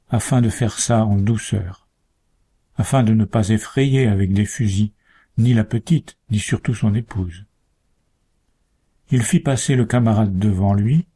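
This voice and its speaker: A man reads a tale aloud in slow, measured phrases. His voice is dark and mellow, and he takes his time over every clause. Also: lowish voice, slightly rough. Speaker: narrator. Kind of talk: storybook reading.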